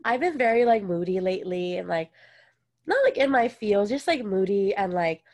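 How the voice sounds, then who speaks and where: A young woman from Hawaii co-hosts a podcast, chatting casually in an animated, medium-pitched voice with a darkish tone and moderate pace. She's chatty, says "like" a lot, and laughs often.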